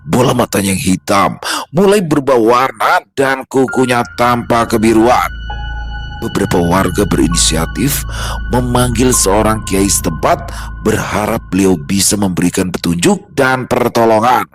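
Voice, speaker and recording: A man tells a horror story in a low voice that rises and falls with lively intonation. His delivery is slow and somber, with music playing clearly behind him. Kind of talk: scripted horror narration. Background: background music.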